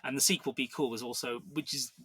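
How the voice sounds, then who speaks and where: Bright-voiced man rambling about films. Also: mid-range voice, steady tone, quick pace, breathy edge, no room sound. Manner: rambling, many restarts and fillers. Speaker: podcast co-host. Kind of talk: casual film discussion.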